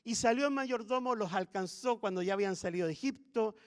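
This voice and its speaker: A man's voice: sits high, brisk, clean tone. A man preaching a sermon in a church, retelling a story and asking his listeners questions. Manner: animated, asks the congregation questions. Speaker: pastor. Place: church sanctuary. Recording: echoey church hall.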